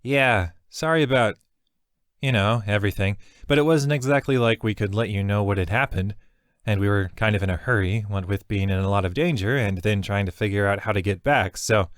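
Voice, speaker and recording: A man's voice: on the low side, fairly quick, no room sound, studio quality, close to an everyday voice. A man voicing a sheepish young male adventurer who rambles apologetically.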